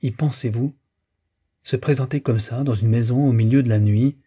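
A man's voice: mid-range voice, steady tone, moderate pace, mellow, breathy edge, natural voice. A man voicing a fretful, grumbling old woman servant in an audiobook reading. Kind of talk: audiobook character voice.

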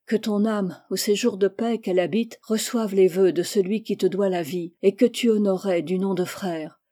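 A woman's voice: medium pitch, fairly even intonation, moderate pace, mellow, close to an everyday voice. Noble army captain, solemn and declamatory, read out by a woman.

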